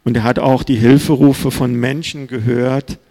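A man's voice: mid-range voice, fairly even intonation, moderate pace, warm tone. A man preaching a sermon in an earnest, plain-spoken way, reading scripture aloud. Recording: reverberant hall.

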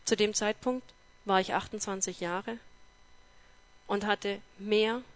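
A woman telling her personal faith testimony in a lively way, acting out dialogue and turning earnest and emotional when she reflects. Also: mid-range voice, slow. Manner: lively storytelling that acts out dialogue.

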